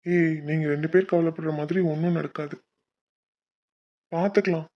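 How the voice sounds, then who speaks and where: One person voicing several characters in an animated cartoon, pleading, teasing and scolding in turn. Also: mid-range voice, moderate pace, dull audio. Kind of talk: animated Tamil cartoon voice acting.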